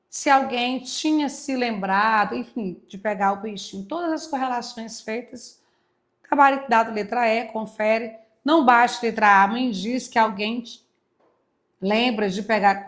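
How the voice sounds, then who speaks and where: A woman teacher walking through exam answers, emphatic, stretching key words out slowly and answering her own questions. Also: mid-range voice. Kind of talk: exam walkthrough lesson.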